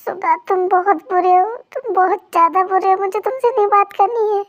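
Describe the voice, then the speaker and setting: A woman's voice: extremely high pitch, fairly even intonation, fairly quick, no echo, highs cut off, pitched above the performer's own voice. A woman voicing a sore, angry young wife scolding her husband, in an amateur fan dub. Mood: whiny scolding. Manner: whiny, scolding.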